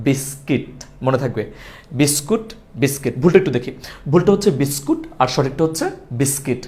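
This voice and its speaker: Male teacher, brisk and animated, drills words by repetition and asks and answers his own questions. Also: a little high. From Bangladesh. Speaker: English pronunciation teacher. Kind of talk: lively video lesson in Bengali.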